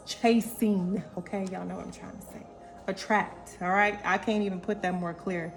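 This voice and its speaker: A woman doing a casual oracle card reading, animated and goofy, calling listeners honey and y'all. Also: mid-range voice. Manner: animated, playful, calls viewers honey and y'all. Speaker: intuitive oracle card reader.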